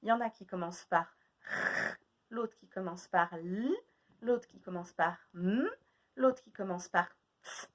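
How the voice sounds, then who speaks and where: A woman teaching a phonics lesson to young children, speaking slowly and repeating each sound and word deliberately. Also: mid-range voice.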